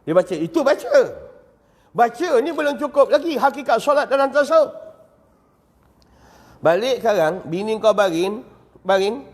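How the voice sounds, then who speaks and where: A man with a Malaysian Malay accent teaching a lively, joking religious lecture in a mosque. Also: extremely high pitch, moderate pace, long pauses. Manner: lively, joking, with acted-out examples. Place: mosque prayer hall. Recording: long reverb of a mosque hall.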